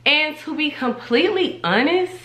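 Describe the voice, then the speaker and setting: Young woman, emphatic casual vlog, bright tone, roomy echo. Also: high-pitched, lively intonation, moderate pace. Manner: chatty, emphatic, repeats for stress. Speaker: vlogger.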